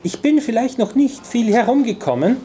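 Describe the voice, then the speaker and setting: A man's voice: very high voice, very animated, normal speed, dark tone, a little hiss or hum, voice pushed up. A man reading aloud voices a bold, defiant young swordsman with a raised, eager voice.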